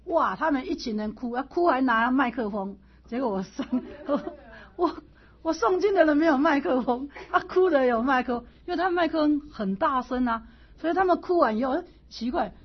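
Husky lively woman telling a teaching story. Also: fairly high pitch. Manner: animated, asks listeners "是不是", laughs through anecdotes. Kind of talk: storytelling lecture. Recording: dull lo-fi recording.

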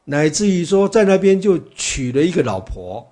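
Husky man giving a chatty dharma talk. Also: on the high side, sing-song, moderate pace, dark tone. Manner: chatty, full of fillers and rhetorical questions. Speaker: Buddhist teacher. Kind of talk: dharma talk, storytelling lecture.

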